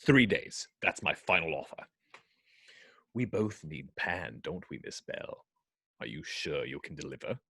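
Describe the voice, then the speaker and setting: A vain, menacing pirate captain, acted by a man, who speaks slowly with sweeping swings of pitch. He is haughty and theatrical, a pompous villain in a drama read-through. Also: sing-song, vocal fry, sharp tone, husky, dry recording, studio quality, exaggerated voice. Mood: sly bargaining.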